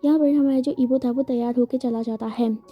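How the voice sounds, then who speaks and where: A woman's voice: high voice, steady tone, brisk. A woman narrating a story in a chatty, casual way, often correcting herself. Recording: dull lo-fi sound, faint music.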